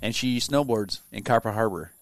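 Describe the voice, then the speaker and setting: A man hosting a casual podcast chat, laid-back, laughing often and trailing off quietly. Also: on the low side, moderate pace, no room sound, studio quality. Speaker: podcast host.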